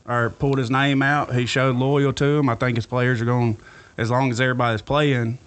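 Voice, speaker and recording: A man's voice: mid-range voice, level tone, brisk, a bit bright. A man sitting in on a casual sports podcast, giving his pick in a hesitant, plain-spoken way.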